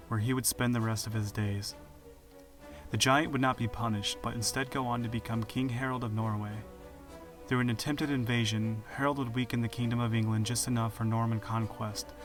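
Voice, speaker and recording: A man hosting a history podcast, telling it in measured, dramatic scripted narration. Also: mid-range voice. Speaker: podcast host. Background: music.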